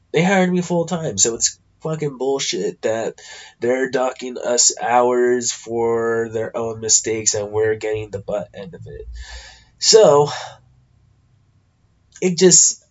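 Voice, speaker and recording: Male podcast host, American, stuffed-up nose, slow casual delivery, blunt and sweary, slightly dull lo-fi sound. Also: mid-range voice. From California, United States. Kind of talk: casual rambling solo podcast talk.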